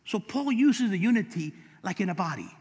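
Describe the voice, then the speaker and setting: A male pastor with a Californian accent preaching a sermon, telling stories and building up to shouts. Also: sits high, sing-song, moderate pace, slightly rough. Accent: Californian English. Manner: storytelling preacher, rising to shouts. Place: church sanctuary. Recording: long hall reverb.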